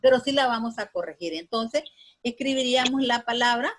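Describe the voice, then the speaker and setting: A woman teacher giving a grammar lesson, patiently repeating words slowly for her students. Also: fairly high pitch, low-quality recording.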